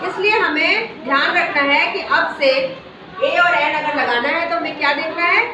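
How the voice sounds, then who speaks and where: A woman's voice: sits high, moderate pace, noisy background. A woman teaching a class, asking the pupils question after question as she explains. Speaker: schoolteacher. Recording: very echoey classroom from far off.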